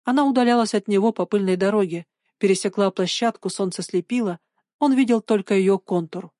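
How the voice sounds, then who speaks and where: A woman narrating an audiobook of a spooky children's story in a measured, suspenseful way. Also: medium pitch, dark tone, dry recording, clean studio sound.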